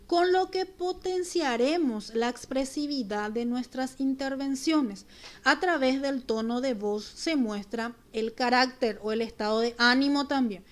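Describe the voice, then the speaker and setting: High-voiced woman teacher explaining a lesson. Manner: clear, deliberate explanations with examples. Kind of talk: recorded remote class lesson.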